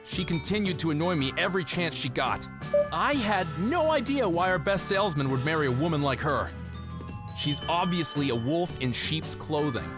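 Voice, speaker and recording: Over music, a man narrates and acts a manga dub as an ordinary young office worker and loyal boyfriend, earnest but quick to become exasperated when provoked. His voice is a little high and close to everyday speech.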